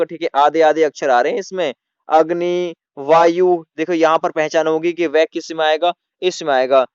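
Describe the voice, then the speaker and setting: A man with a high, smooth, clear voice teaches Hindi grammar, often stopping to put questions to his listeners and then answer them himself. The sound is dry and close, with a slightly dull, muffled top end. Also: no room sound. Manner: repeats "theek hai dosto" and asks the class questions. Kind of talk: classroom-style lesson.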